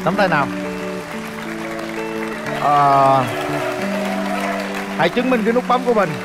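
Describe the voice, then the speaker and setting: A man's voice: high-pitched, lively intonation, measured pace, a loud crowd. Playful man hosting a dating show. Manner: coaxing, playful. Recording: TV studio with music.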